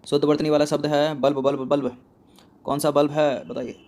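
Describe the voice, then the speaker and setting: A man with a slightly high voice works through a spelling quiz like a coaching-class teacher. He repeats each word, asks a question and answers it himself, close on the mic. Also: flat delivery, fairly quick, darkish tone.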